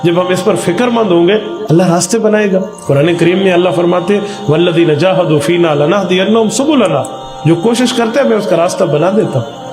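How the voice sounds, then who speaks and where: A man delivers a sermon with a high, carrying voice, pressing his points with impassioned emphasis that rises and falls. The sound rings in an echoey space, with clear music playing underneath. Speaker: preacher.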